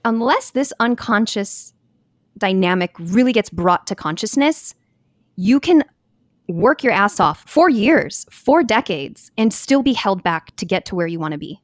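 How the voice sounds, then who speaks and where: A woman's voice: measured pace, dry recording, studio quality. A woman co-hosting a casual podcast chat, acting out quoted thoughts in a raised voice. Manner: animated, acts out quotes in a high voice. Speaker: podcast co-host.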